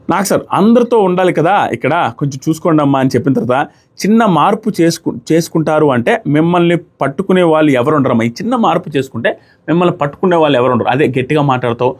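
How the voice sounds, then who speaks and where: A man giving a casual, animated review of a reality show and talking straight to his viewers. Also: sits high, breathy edge.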